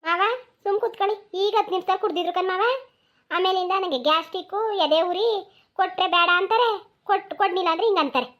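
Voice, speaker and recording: A woman voicing a sharp-tongued young village daughter-in-law in a cartoon, with a rural Mysore-region accent, defensive and quick to answer back. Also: extremely high pitch, muffled recording. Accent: rural Mysore-region Kannada.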